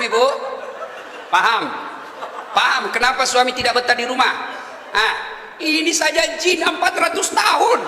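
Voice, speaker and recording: A middle-aged man, giving a humorous sermon full of animated storytelling and voiced quotes. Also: very high voice, a little hiss or hum. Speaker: preacher. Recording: reverberant hall, faint ambience.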